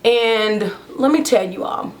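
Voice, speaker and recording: A beauty vlogger with a high-leaning female voice talks slowly, her throat hoarse because she's partly lost her voice. She rambles chattily while applying makeup for a get-ready-with-me video.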